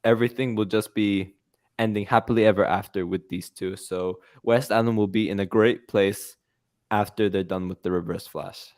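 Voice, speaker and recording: Male livestream host, low register, playful and rambling. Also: fairly even intonation, moderate pace, a little mellow. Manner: playful, teasing, rambling with fillers. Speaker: host of a fan news livestream. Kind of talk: casual livestream chat.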